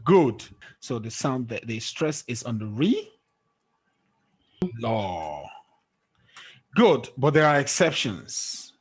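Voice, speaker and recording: A man's voice: mid-range voice, lively intonation, a little slow, slightly rough. A man teaching an English pronunciation lesson over a video call, checking often that his student follows. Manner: checks understanding often with "okay?". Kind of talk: online tutoring lesson.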